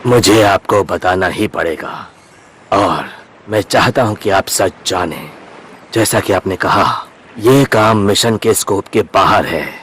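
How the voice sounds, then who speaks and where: A worried old bridge builder, anime dub, lowish voice, serious, goes on and on. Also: male voice, takes it slowly, a bit bright, slight background noise. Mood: grave. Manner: grave, explaining at length.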